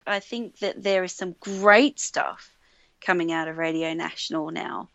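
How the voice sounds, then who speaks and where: A woman with an Australian accent, a radio producer talking casually in an interview, animated and full of fillers and restarts. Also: lowish voice, measured pace, dry recording. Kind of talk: conversational interview. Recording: dull lo-fi sound, dry.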